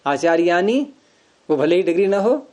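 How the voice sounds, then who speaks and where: A man's voice: high voice, very animated, normal speed, a little mellow. A man teaching Sanskrit grammar in an informal class, explaining patiently with everyday examples.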